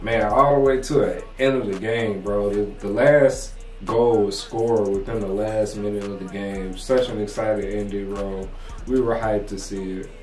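A man's voice: lowish voice, steady tone, normal speed, faint music behind. Young guy chatting about last night's games, chill and slangy, echoey room, mic kinda far off. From United States. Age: young adult. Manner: laid-back, slangy, drops "bro" and "man". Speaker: co-host. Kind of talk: casual sports recap chat. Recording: roomy echo, mic at a distance.

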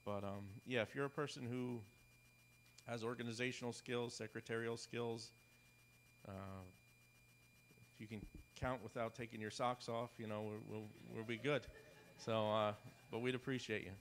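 A man's voice: mid-range voice, flat delivery, moderate pace, pauses often, a bit bright, a little hiss or hum. A man giving a casual, joking church announcement in a sanctuary, standing well away from the mic. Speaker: church volunteer leader.

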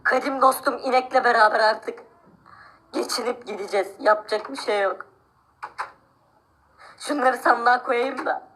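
A woman's voice: fairly high pitch, normal speed, long pauses, a bit bright, slight background noise, lightly acted. A woman voicing a poor, envious villager who complains about the rich and plots revenge in a game-video drama. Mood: wistful. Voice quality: whiny, complaining. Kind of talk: amateur game role-play narration.

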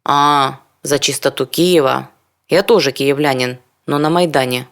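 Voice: medium pitch, a little slow, fairly bright tone. A reader putting on a suspicious young city guy. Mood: distrustful. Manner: Russian-speaking, distrustful, blunt. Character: young Kyiv man, headphones around his neck, suspicious.

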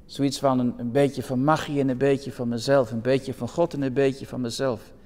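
A man's voice: mid-range voice, little pitch movement, moderate pace, darkish tone. A man preaching a sermon from the Netherlands in an earnest, pastoral way, sometimes restarting his words. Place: church hall. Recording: long church reverb.

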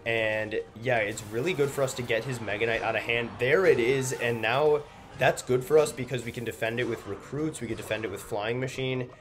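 A man's voice: mid-range voice, fairly even intonation, fairly quick, a little hiss or hum. A young man with a slightly congested, stuffy nose gives casual gameplay commentary as a gaming video host. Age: young adult. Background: loud music.

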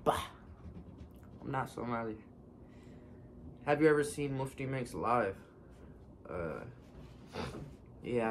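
In a casual Q&A vlog filmed from his living room couch, a man in his twenties with a medium-pitched voice reads out questions from fans and gives offhand answers. A faint hiss or hum sits in the background.

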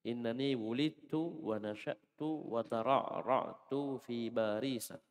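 A man's voice: medium pitch, takes it slowly, in a large hall. A man teaching a classroom Arabic lesson, patiently explaining and correcting a student's reading. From Indonesia.

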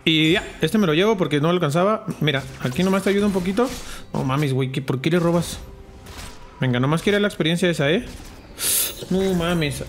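A man with a Mexican Spanish accent giving live gameplay commentary, excitable, repeating words in quick runs, swearing often and dropping in English words. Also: a little high, slight background noise. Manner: excitable, rapid repetitions, frequent swearing, mixes in English words. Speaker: gamer streamer.

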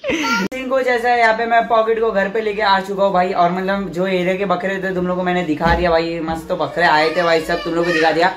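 A man's voice: sits high, brisk. Chatty vlogger man. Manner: chatty and excitable, calls viewers "bhai", laughs often. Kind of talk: casual vlog narration to viewers.

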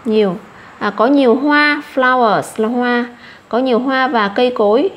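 A woman with a Vietnamese accent gives an English vocabulary lesson to children. Her voice sits a little high, and she repeats each English word slowly and patiently before explaining it. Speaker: English teacher.

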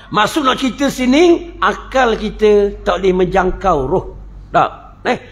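A man with a Terengganu Malay accent leads a religious lecture, mixing teaching with jokes and local stories. His voice sits high for a man and jumps all over the place as he talks. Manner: joking, storytelling, playful dialect asides.

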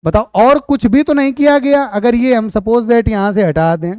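A man's voice: very high voice, moderate pace, dark tone, clean tone, no room sound, studio quality. A man teaching an online exam-prep Hindi class, explaining points and asking students questions, with chatty asides. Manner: explains then repeats questions back to students; chatty asides addressing viewers as "beta".

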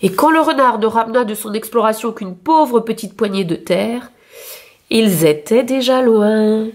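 A woman reading a picture book aloud for young children with clear, expressive storytelling. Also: fairly high pitch, measured pace.

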